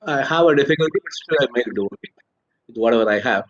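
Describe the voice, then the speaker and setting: A man in his sixties with an Indian accent, speaking as a panelist in halting phrases, heard over a video call whose audio is doubled by an echo from a second device and sounds slightly garbled. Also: mid-range voice, expressive. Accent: Indian English. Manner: halting, restarts often, checks whether he is heard. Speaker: panelist, banker. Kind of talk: panel discussion remarks. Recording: muffled lo-fi video-call line.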